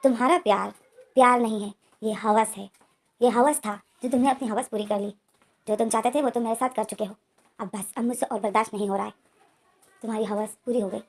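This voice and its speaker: A woman's voice: on the high side, fairly even intonation, a little fast. A woman reading an angry young man. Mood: bitter. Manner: indignant, snapping retorts. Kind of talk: reading out dialogue from a story.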